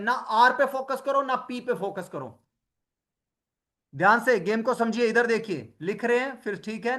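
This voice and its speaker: Man, high voice, motivational webinar coach, energetic, rhetorical questions, video call audio. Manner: energetic, calls on participants by name, rhetorical questions. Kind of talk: lively Hindi webinar talk to online participants.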